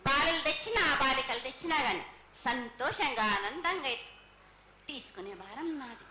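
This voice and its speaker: A woman's voice: sits high, expressive, moderate pace, bright, forceful tone. A woman speaking as an oracle in a prophetic trance, chanting repetitive blessings in the voice of a goddess. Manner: incantatory, repetitive, declaring blessings in first person as a goddess. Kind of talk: prophetic trance oracle pronouncement at a temple festival. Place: live temple festival ceremony. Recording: echoey live festival sound, faint noise.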